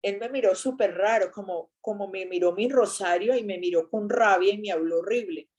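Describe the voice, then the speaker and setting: A woman giving a casual faith talk, chatty and animated as she tells an anecdote. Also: mid-range voice, normal speed.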